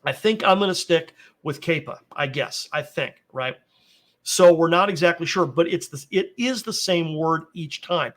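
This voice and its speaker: A man with a voice a little higher than most men's, working through a Bible passage in a relaxed teaching tone. He lays out each point step by step, keeps asking his listeners "right?" and "okay?", and hedges his claims with care. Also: moderate pace. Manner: explains step by step, often checking in with "right?" and "okay?"; cautious, qualifies his claims. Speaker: Bible teacher and podcast host.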